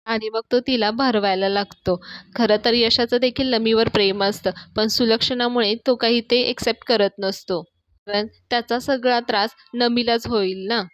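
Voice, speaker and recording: A woman's voice: on the high side, steady tone, normal speed, dry recording. A woman casually retelling a TV serial episode as a reviewer, chatty and adding her own asides. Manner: chatty, adds asides to listeners. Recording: dry, slightly dull close mic.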